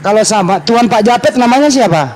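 A man's voice: extremely high pitch, animated, fast talker, crowd noise, rough recording. A man in a heated religious debate, insistently repeating his questions and cutting in on the other speaker.

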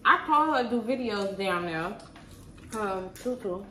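A woman's voice: mid-range voice, expressive, measured pace, bright, forceful tone. A woman in her thirties chatting casually and bluntly over a meal with her family, teasing and swearing. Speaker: mother hosting a family mukbang vlog. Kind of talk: casual chat while eating. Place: indoors at a table in a bright home room. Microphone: camera across the table. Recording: echoey room with background noise.

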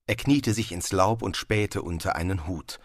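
A man narrating an audiobook in a dry, measured storytelling manner. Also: sits low, no echo. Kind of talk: scripted narration.

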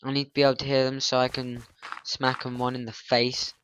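A man's voice: mid-range voice, monotone, brisk, a bit bright, slight background noise. A man rambling through let's-play commentary, flustered, grumbling and poking fun at himself. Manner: flustered, grumbling, self-mocking. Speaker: gaming channel host.

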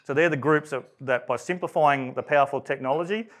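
A man with an Australian accent giving a technical presentation at a live event, talking in a conversational way with frequent fillers and restarts, in a voice he calls monotone. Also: on the high side, fairly quick. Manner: self-described monotone. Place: event room.

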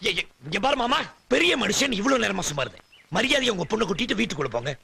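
An actor playing an exasperated husband who keeps trying to calm his quarrelling family in film dialogue. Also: high-pitched, quick pace, gravelly, crowd noise, heavily acted. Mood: stern. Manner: pleading, placating, exasperated. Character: harried, pleading husband caught between families. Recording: film scene over loud background score.

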